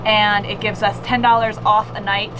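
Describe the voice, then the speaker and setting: A woman's voice: medium pitch, level tone, moderate pace, over music. A woman co-hosting a travel vlog, talking in a plain, practical, conversational way. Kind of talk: casual, informative vlog talk. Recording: noisy location audio with vehicle-like ambience.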